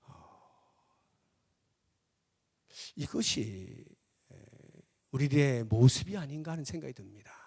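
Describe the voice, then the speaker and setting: A man's voice: fairly high pitch, a little mellow. A man who is a pastor, delivering an impassioned, emphatic sermon in a church. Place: church sanctuary. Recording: long reverb of a church hall.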